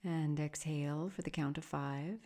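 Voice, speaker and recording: In a steady, somewhat low voice, a female yoga teacher talks listeners through meditation. Each measured phrase comes gently and calmingly, followed by a long pause.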